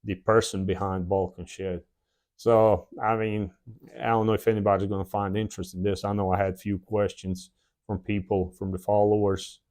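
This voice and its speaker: A channel host in his forties from the former Yugoslavia, whose first language is South Slavic, tells his own story casually from his shed workshop. He has a lowish, slightly mellow voice, a Slavic accent mixed with a Southern drawl, and a plain, unhurried manner with frequent "uh" pauses.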